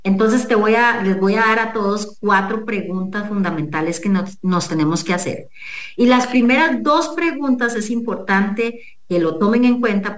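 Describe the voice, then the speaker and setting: A woman's voice: mid-range voice, roomy sound. A middle-aged woman, a coach and businesswoman, earnestly talking a listener through numbered questions as an interview guest. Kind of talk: motivational talk in an interview.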